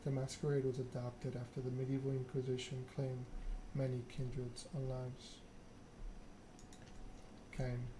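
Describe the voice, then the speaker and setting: A male game streamer hosts an ASMR stream, reading softly and chatting with viewers. His mid-pitched voice stays flat, his delivery is measured and halting, and the recording carries noticeable ambient noise.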